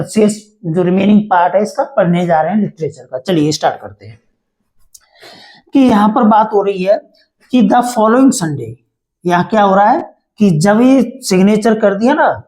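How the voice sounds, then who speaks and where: A man's voice: high voice, a little mellow, poor audio. A male teacher giving a class lecture, asking and answering his own questions and repeating key words to drill them in.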